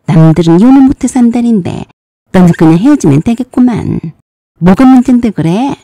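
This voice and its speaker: Woman playing a bossy eldest sister, blunt, sarcastic, lecturing, mellow, dry. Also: medium pitch, expressive, moderate pace, dry recording.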